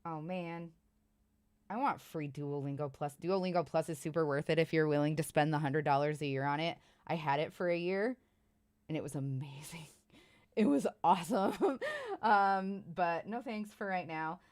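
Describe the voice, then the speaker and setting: This Iowa woman in her thirties has a low-pitched, slightly mellow voice with lively intonation at a normal pace. Talking loosely with people watching her livestream, she wanders from topic to topic, makes fun of herself, and frequently curses and laughs.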